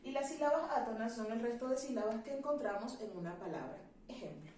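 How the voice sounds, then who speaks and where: A woman teacher explaining a grammar lesson in a clear, measured classroom manner, asking rhetorical questions. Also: on the high side, expressive, roomy sound, distant mic, noisy background.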